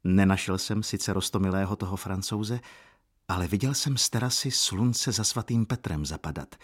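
A man voicing a pale, weary, melancholy young man who speaks quietly and broodingly, with a husky low voice.

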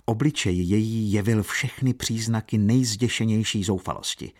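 A man reading a novel aloud with slow, lyrical phrasing. His voice sits low and has a husky edge. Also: a little mellow. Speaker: audiobook narrator. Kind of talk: scripted narration.

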